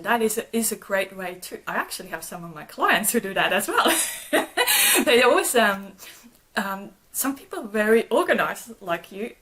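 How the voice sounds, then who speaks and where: Speaking a little high, a trauma therapist and channel host responds to viewers' comments on a live stream in a soft, reassuring way. She's a native German speaker whose speech includes frequent restarts and repeated words.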